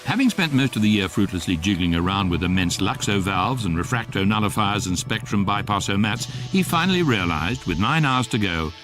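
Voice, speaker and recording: An actor playing an authoritative electronic guidebook narrating a radio comedy, droll, precise and deadpan. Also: male voice, on the low side, a little fast, hardly any pauses, soft background music. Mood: droll, explanatory.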